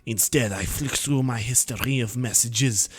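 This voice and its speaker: A man in his twenties reads a visual novel aloud for his friends, going slow and deliberate like a storybook, with dry jokes at his own expense. His medium-pitched voice sounds strained and tired, with a breathy edge and no echo.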